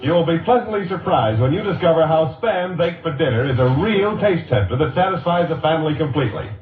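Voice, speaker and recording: Reading 1940s radio ad copy, an American announcer sells with upbeat emphasis, his slightly high voice animated and a little quick. A distant mic captures him in a boxy, echoey, narrow-band vintage radio recording.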